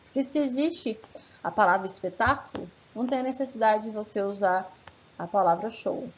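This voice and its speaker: A woman's voice: medium pitch, normal speed. Woman teaching grammar, chatty and questioning. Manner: conversational, frequent "né" and "tá" tags, asks rhetorical questions. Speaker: Portuguese teacher. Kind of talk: informal grammar lesson. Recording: slightly muffled, faint background hiss.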